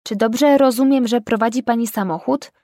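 A woman voicing a calm, methodical male emergency dispatcher in an audiobook. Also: a little high, normal speed, no echo, studio quality, natural voice.

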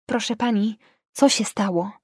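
A woman's voice: medium pitch, measured pace, breathy edge, no echo, clean studio sound. A woman voicing a concerned, decisive woman driver in an audiobook.

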